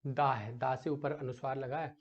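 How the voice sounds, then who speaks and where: A man's voice: mid-range voice, steady tone, moderate pace, dull audio. A male teacher runs an exam-prep lesson, quizzing students and often checking back with them with rhetorical questions. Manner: repeats "ठीक है" often and asks rhetorical questions; addresses students as "बेटा", patient explaining.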